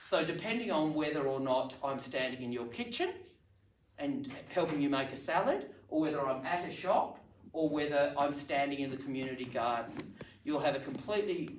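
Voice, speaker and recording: An Australian woman training language teachers, talking in an animated, demonstrative way with strong stress on words. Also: rumbling low, normal speed, a little hiss or hum. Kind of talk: training session talk. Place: library meeting room. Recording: roomy sound from some distance.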